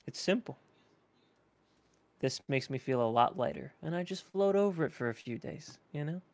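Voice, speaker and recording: A man's voice: fairly high pitch, lively intonation, moderate pace, gravelly, dry recording. A man voicing a world-weary, hard-drinking man who gives rambling, fatherly advice to a kid.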